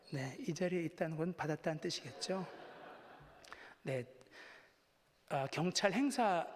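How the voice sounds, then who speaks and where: A man preaching a Sunday sermon as a pastor, telling a personal story in a conversational, self-deprecating way. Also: on the high side. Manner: conversational and self-deprecating, acting out quoted voices. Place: church sanctuary. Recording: long reverb of a church hall.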